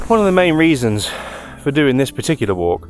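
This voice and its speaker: A man's voice: mid-range voice, slight background noise. A man, out of breath on a foggy outdoor walk, giving wry, self-mocking vlog commentary. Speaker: vlogger.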